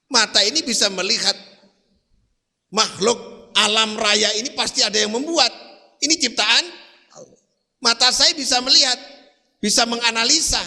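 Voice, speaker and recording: A man's voice: very high-pitched, bright, forceful tone. A man preaching a sermon, quizzing his congregation with rhetorical questions. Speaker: Islamic preacher. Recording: long hall reverb.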